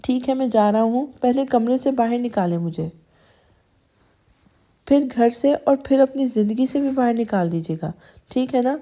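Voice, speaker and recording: Storybook husband, possessive and firm, mellow higher voice, as a woman reads him. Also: lightly acted. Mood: sulky. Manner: firm, turning tender then sulky. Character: possessive stern young husband, coaxing.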